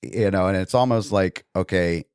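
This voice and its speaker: A man's voice: sits low, normal speed, clear, resonant tone, dry recording, studio quality. A middle-aged man, a podcast host, chatting casually and thinking aloud as he tells of his own past. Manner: relaxed storytelling, thinks aloud. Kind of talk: casual discussion.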